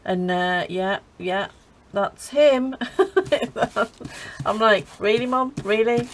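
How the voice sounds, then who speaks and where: A woman's voice: mid-range voice, extremely slow, low-quality recording. A middle-aged woman chatting casually while crafting, laughing often and restarting her sentences. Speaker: craft channel host.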